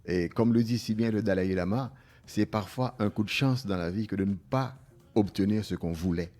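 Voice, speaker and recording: A man's voice: lowish voice, normal speed, a little mellow, faint music behind. An older man born in Haiti, telling his life story as a guest in a radio interview, reflective and hesitant at times.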